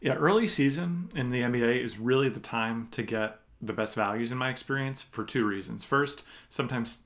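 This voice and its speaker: A man's voice: medium pitch, a little fast, fairly bright tone. A man co-hosting a sports podcast, chatting casually and explaining his takes in a conversational, qualified way. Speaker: podcast co-host, fantasy basketball analyst.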